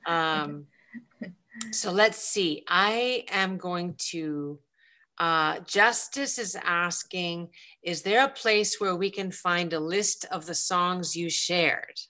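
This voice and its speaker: A woman from Greece hosting a live online question-and-answer session, speaking slowly and hesitantly with many ums, on a video call. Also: fairly low pitch, bright, forceful tone. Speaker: planetarium program host.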